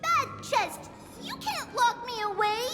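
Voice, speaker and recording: Little game girl, hyper and childlike, squeaky high, drawn-out slow pacing, reverb, music behind. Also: lively intonation, fairly bright tone, heavily acted. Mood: indignant. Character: eager, bubbly, boastful little girl, a holy maiden. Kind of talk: scripted game dialogue.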